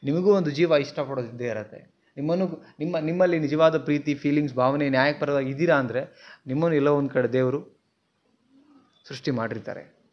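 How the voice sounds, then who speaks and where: Man, relationship counselor, earnest advice talk, fairly high voice, slightly muffled recording. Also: fairly quick. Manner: earnest, repeats points, mixes English words into Kannada. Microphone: mic in front of him while seated.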